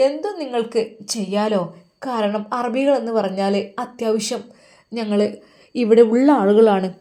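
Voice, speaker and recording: A woman's voice: medium pitch, dark tone, close to an everyday voice. A woman voicing a motherly, wealthy middle-aged lady who coaxes and questions a young girl in a spoken story. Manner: coaxing, questioning, calls her "mol".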